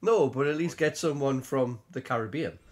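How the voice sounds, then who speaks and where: A man's voice: medium pitch, normal speed, a crowd in the background. Man, medium voice, sweary joking gaming chat. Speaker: player in a game chat.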